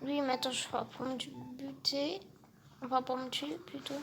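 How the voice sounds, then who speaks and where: A woman commenting casually on her game, unhurried and muttering asides to herself. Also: sits high, level tone, a bit bright, a little hiss or hum. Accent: non-native English. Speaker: gamer.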